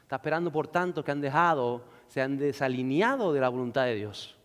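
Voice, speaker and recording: A man preaching a sermon who swings from loud shouts to hushed lows and acts out the voices of the figures he reads about. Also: animated, brisk, big-room sound. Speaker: pastor.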